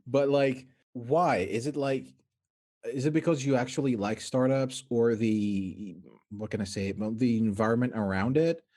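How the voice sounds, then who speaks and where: A man's voice: mid-range voice, unhurried, a little mellow. A man hosting a casual video-call interview, rambling and self-deprecating. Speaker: interview host.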